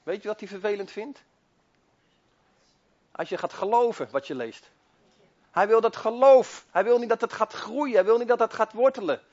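High-voiced fervent male preacher. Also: animated, moderate pace, pauses often, a little mellow, muffled recording. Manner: fervent, repetitive exhortation with rising emphasis. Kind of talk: sermon.

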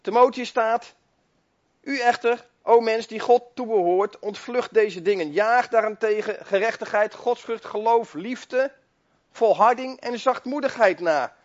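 A man with a high voice preaches a little slowly, hammering his points with fervent repetition and swelling emphasis. Dull and lo-fi, the recording sounds like an old sermon tape.

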